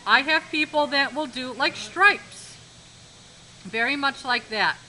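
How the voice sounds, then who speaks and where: A woman's voice: high-pitched, normal speed, pushed and bright, a little hiss or hum, low-quality recording. A woman art teacher giving a live demonstration lesson in a classroom, instructive, repeating key points and checking that students follow.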